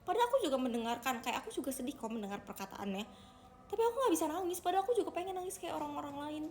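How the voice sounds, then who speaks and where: A young woman talks quickly and chattily to her livestream viewers, her voice pitched a little high. She keeps calling them guys as she goes. Faint ambience hums behind her. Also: a little hiss or hum. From Indonesia. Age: young adult. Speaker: idol livestreamer. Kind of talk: casual livestream chat.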